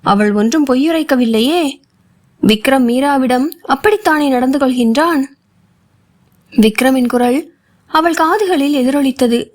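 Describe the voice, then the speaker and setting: A woman narrating a novel for an audiobook with a steady storytelling delivery. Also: high voice, unhurried, pauses often.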